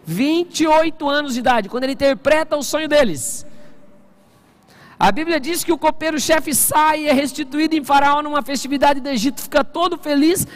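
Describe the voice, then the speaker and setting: A male pastor preaching an animated Sunday sermon, often asking the congregation questions. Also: very high voice, a little fast. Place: church service.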